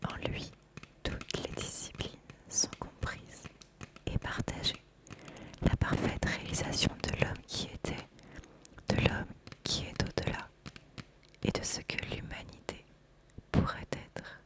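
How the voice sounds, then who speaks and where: A woman whispering a soft, measured ASMR presentation with deliberate phrasing. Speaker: ASMR host presenting an oracle card deck.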